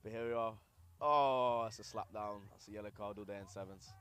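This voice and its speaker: Low-pitched young Scottish man commentating rugby. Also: a little fast, fairly bright tone. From grew up in London. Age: young adult. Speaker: rugby commentator and sevens player. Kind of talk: live sports commentary with casual chat.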